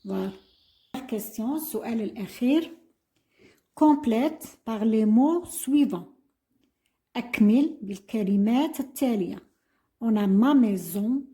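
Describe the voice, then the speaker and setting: With a warm, fairly high voice, an elderly former primary school teacher goes over an exam in class. She mixes Arabic and French and spells out words one letter at a time.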